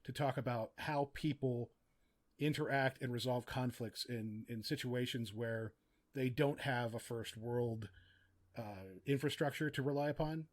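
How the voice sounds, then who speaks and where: A middle-aged man, an audio drama writer and producer, explains his craft as a podcast guest. His mid-range voice is steady and a little slow, and he comes across as casual, reflective, and articulate in the interview.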